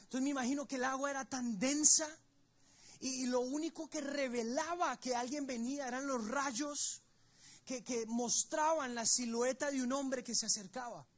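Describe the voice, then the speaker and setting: Speaking at a moderate pace in an extremely high, steady voice, a male pastor delivers a sermon at a church service. He tells the story emphatically, addressing the congregation directly.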